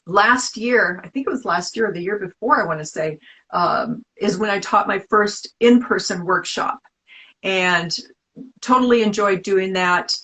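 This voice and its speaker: A middle-aged woman from the Bay Area answers interview questions in a chatty, rambling way. Her voice sits at an ordinary middle pitch. She circles back on her words, with plenty of restarts and fillers. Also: fairly bright tone, low-quality recording. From San Francisco Bay Area. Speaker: artist being interviewed. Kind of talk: casual interview over a live video stream.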